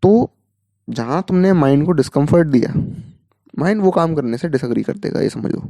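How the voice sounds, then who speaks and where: A man's voice: fairly high pitch, animated, normal speed, creaky, mellow, no echo, clean studio sound. A man coaching students in a talk, asking rhetorical questions and mixing in English words. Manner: explains with rhetorical questions, Hindi mixed with English terms. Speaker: mentor to exam students.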